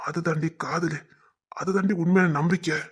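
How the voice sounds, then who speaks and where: A man's voice: a little high, steady tone, normal speed. A young man, acting a protective, hot-tempered village lover who teases his girl. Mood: tender teasing. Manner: rough, protective, teasing. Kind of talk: web series drama acting.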